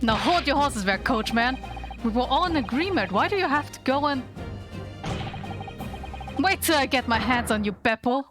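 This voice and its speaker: A blustering, pompous guildmaster acted by a woman, indignant and old-fashioned in a game courtroom style. The voice sits fairly high over clear music. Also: expressive, moderate pace, long pauses. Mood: outraged. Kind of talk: amateur voice acting of game dialogue.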